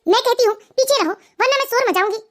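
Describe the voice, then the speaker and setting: A woman's voice: extremely high pitch, quick pace, a bit bright. A woman voicing an earnest, wronged young wife pleading to be believed in a cartoon story. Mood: defiant. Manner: pleading, insistent.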